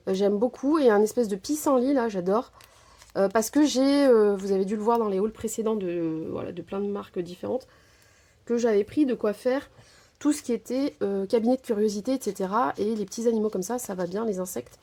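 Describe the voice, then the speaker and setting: A woman with a warm, mellow voice chats through a craft haul in a relaxed, rambling way. She hesitates often and leans on small fillers. She is talking into a phone camera. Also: mid-range voice, a little fast. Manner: chatty, filler-heavy, keeps saying "voilà". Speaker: crafting vlogger. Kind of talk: casual haul chat.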